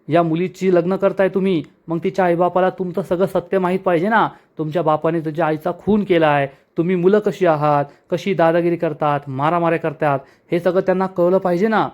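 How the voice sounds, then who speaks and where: A man voicing a loud, taunting middle-aged village man who keeps shouting accusations, in a spoken recap of a TV serial. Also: high voice, steady tone, a little fast, natural voice.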